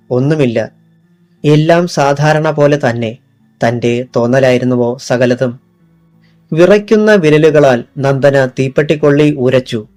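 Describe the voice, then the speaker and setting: A man narrating a novel in a steady, even storytelling voice. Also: a little high. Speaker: audiobook narrator.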